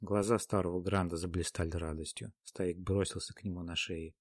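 A man narrating a dramatic classic story in a measured storytelling manner. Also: sits low, steady tone, no echo, clean studio sound. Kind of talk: dramatic audiobook reading.

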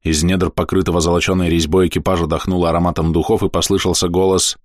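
Man, fairly low voice, audiobook narration, measured storytelling, dramatic pauses, dry booth sound. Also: little pitch movement, no room sound. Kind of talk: scripted fantasy audiobook narration.

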